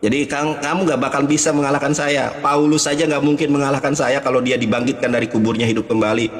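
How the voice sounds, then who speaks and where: A man's voice: medium pitch, fairly even intonation, quick pace, echoey room, big-room sound. A man in a heated live debate, taunting his opponent and reciting Arabic phrases. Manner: mocking, taunting, insulting.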